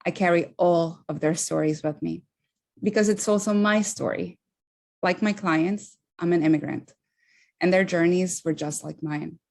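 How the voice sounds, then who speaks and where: A woman from Honduras, an immigration attorney, giving a prepared speech in an earnest, measured way that slows for emphasis. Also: on the low side, fairly even intonation, gravelly, darkish tone.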